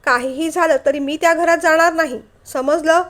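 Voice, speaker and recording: A woman's voice: high voice, steady tone, moderate pace, lightly acted. A woman voicing a stubborn, irritable older man who talks curtly, in a storybook reading. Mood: irritated.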